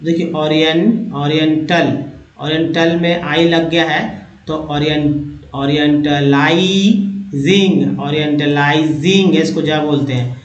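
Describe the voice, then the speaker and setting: A man's voice: a little high, steady tone, slow pace, reverberant, lo-fi sound. A man teaching English vocabulary in Hindi, sounding out long words syllable by syllable and repeating them. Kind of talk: reading word list aloud, explaining word parts.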